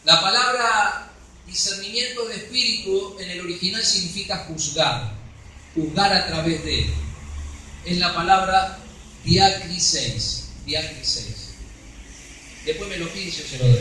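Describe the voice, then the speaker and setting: A man's voice: high voice, pushed and bright, a little hiss or hum. A man with a Rioplatense accent preaching a sermon in a church, emphatic, checking in with the congregation. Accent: Rioplatense Spanish. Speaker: pastor. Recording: echoey hall, voice from far off.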